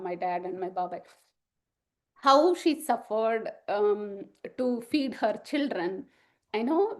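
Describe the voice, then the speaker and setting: A middle-aged woman, sharing an emotional personal testimony in a halting way, full of fillers and restarts. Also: mid-range voice, darkish tone. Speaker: spiritual group member sharing testimony.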